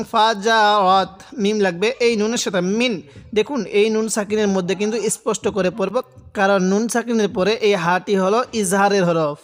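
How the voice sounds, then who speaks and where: A man teaching Quran reading, spelling out syllables and drawing them out slowly when reciting, with patient step-by-step explanations. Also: sits high, in a large hall.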